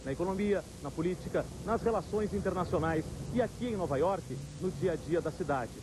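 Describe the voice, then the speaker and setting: A Brazilian man gives a live news report as a correspondent outdoors in a city. His voice is high-pitched, with clear ambient noise behind it. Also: brisk. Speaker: foreign correspondent. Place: outdoors in a busy city square.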